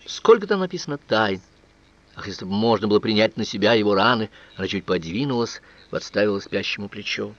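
Male audiobook narrator, low voice, calm measured literary reading, dull lo-fi dry recording. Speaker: audiobook reader.

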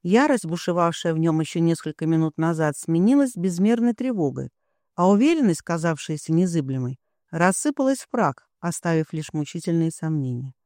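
A man narrating a dramatic thriller audiobook in an expressive, tense reading. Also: a little high, brisk, no room sound, clean studio sound.

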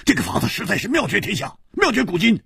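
A man's voice: high voice, huge pitch swings, quick pace, creaky, sharp tone, breathy edge, dry recording, studio quality, voice pushed up, exaggerated voice. A man voicing a boisterous young swordsman who stammers and guffaws.

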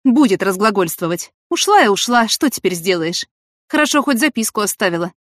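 A woman's voice: medium pitch, very animated, a little fast, no echo, clean studio sound, close to an everyday voice. A woman voicing a blunt, practical farm worker. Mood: grumbling. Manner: grumbling, practical.

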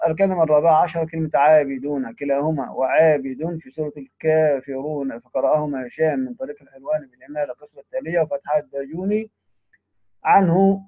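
A man reads a classical text at a brisk clip, stopping for short plain as he teaches. His voice sits somewhat high for a man. The recording is dull and lo-fi, with a dry, close sound. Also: no echo. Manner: reads quoted text, then adds brief plain comments. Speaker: teacher of Quran readings. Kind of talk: reading and explaining a classical text.

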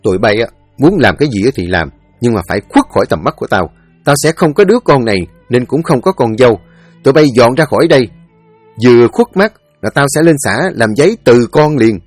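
A man's voice: medium pitch, lively intonation, a little fast, no room sound, faint music behind, natural voice. A man doing a stern, furious old father. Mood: angry scolding. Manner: harsh, scolding. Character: stern angry old father, Ông Bảy.

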